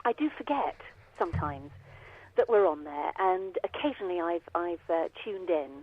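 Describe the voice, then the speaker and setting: A woman's voice: lowish voice, animated, normal speed, highs cut off. A woman in her fifties with an English accent, answering interview questions in a chatty, self-deprecating way. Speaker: radio interview guest, former dancer.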